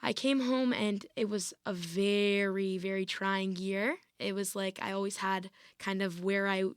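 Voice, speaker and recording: A woman in her twenties, a varsity athlete, appears as a guest on an interview podcast and casually recounts her experiences, dropping "like" and "I was like" constantly. Her mid-range voice is steady, clean and unhurried. The dry recording has studio quality.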